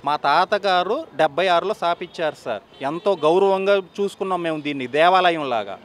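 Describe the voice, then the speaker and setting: A man's voice: sits high, fairly quick, slight background noise. A young man with an Andhra Telugu accent, a theater owner making an agitated, pleading statement to the press, repeating his points.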